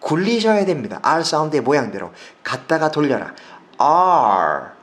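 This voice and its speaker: Man, 40s, from South Korea, pronunciation teacher, emphatic, very animated pitch. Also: brisk. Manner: emphatic, repeats sounds for drills. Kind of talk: video lesson.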